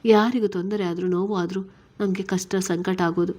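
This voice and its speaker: A woman reading a story, voicing a caring middle-aged mother-in-law who gently reassures her daughter-in-law. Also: mid-range voice, fairly even intonation, normal speed, close to an everyday voice. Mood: reassuring.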